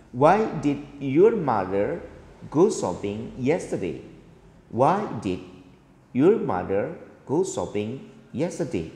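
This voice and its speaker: Middle-aged male teacher, patient and explanatory, slows down on example sentences; echoey room with a long tail. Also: mid-range voice, darkish tone. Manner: explanatory, slow and deliberate on English example sentences. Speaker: English teacher. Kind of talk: recorded grammar lesson.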